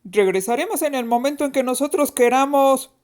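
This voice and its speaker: A woman's voice: high-pitched, a little fast, darkish tone, voice pushed up, close to an everyday voice. A woman voicing an angry, defiant boy who threatens his older sister, in a told story. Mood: threatening. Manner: threatening, indignant.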